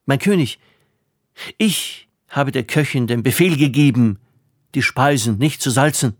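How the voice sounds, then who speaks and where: A man voicing a young banished princess in a fairy tale, speaking earnestly and quietly. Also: mid-range voice, a little slow, no echo, studio quality, lightly acted. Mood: composed.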